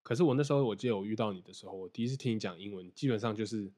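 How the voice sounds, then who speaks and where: A man's voice: fairly low pitch, rapid-fire, warm tone. A young man hosting a casual podcast interview, prompting his guest and summing up his points. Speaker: podcast host.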